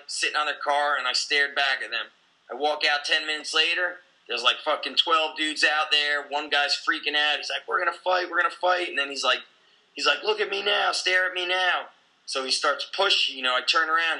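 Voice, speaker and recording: A man in his forties talks in a casual conversation with an intense, blunt drive, swearing as he goes. His voice is strikingly bright and sits a little high. He sounds like a coach who runs his own gym. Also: low-quality recording.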